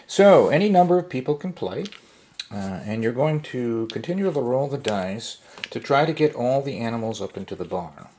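A man who owns a craft shop, casually demonstrating a board game at a tabletop in his workshop. He talks in a relaxed, folksy way, with fillers. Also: medium pitch, moderate pace, slight background noise. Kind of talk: casual product demo.

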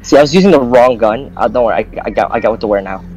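A man's voice: mid-range voice, very fast, a little mellow, soft background music, poor audio. A man in casual gaming chat over a headset mic, joking around and slipping into a put-on broken-English bit. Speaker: gamer.

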